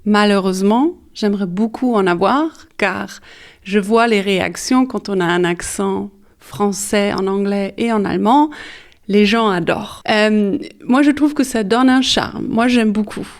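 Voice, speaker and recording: A woman's voice: medium pitch, a little slow. A German woman with a German accent, co-hosting a podcast and chatting in an easygoing, opinionated way. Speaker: podcast co-host. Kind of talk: casual chat.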